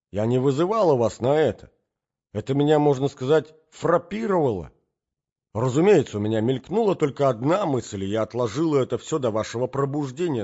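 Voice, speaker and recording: A man's voice: mid-range voice, a little mellow, pitched above the performer's own voice, lightly acted. A man voicing an imperious middle-aged matron who presses her demands with indignation, in a dull lo-fi recording. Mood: insistent.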